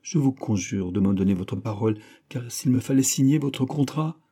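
A man's voice: medium pitch, expressive, normal speed, mellow, husky. A man reading the part of an anguished young man wasting away from hopeless love, pleading with his brother in a raised voice.

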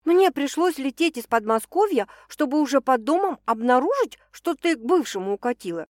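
A woman voicing a cheerful young woman who hosts a night out with friends, brisk and a bit evasive, in a lively, dry recording. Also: high voice, dry recording, voice pushed up. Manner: brisk, upbeat, a little evasive.

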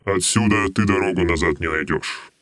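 A stern, brooding shadow king homunculus for an audiobook, low and grave. He speaks slowly and heavily. The sound is dry and close to the mic. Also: steady tone, fairly bright tone, no room sound. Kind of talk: audiobook role.

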